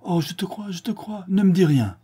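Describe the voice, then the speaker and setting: A man's voice: fairly high pitch, animated, normal speed, warm tone, breathy edge, pitched above the performer's own voice. A man playing a remorseful young lover. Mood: pleading. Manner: pleading, emotional delivery.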